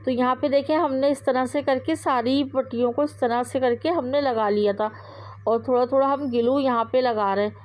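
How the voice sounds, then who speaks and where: A woman with a high voice walks through a sewing project step by step. She talks in a chatty, repetitive way and often pauses on fillers. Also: steady tone, rough recording. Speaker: sewing tutorial host. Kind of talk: casual step-by-step instruction.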